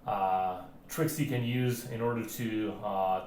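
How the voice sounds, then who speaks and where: A man's voice: fairly low pitch, steady tone, slow pace, darkish tone. A man vlogging casually about his home arm workout, rambling with many fillers and restarts. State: out of breath. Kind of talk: casual filmed chat. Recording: roomy home recording, faint background hiss.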